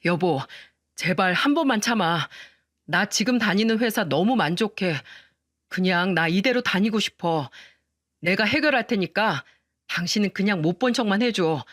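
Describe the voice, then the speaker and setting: A meek young married man begs and apologizes in a soft, even voice, as a woman reader puts him on. The sound is dry and close, in a narrated story. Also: mid-range voice, normal speed, no echo. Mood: pleading.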